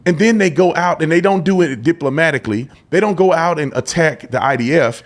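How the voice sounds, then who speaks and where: A man hosting an interview, talking in an animated way and pushing his voice up high when he stacks points. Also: a little fast. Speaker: interview host. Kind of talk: interview conversation.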